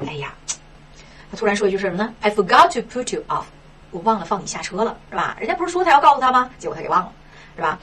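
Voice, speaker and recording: A woman teaching an English textbook lesson in Mandarin, asking herself questions and tagging many lines with a quick "right?". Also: medium pitch, slightly rough, distant mic. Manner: lively, rhetorical questions, frequent "是吧".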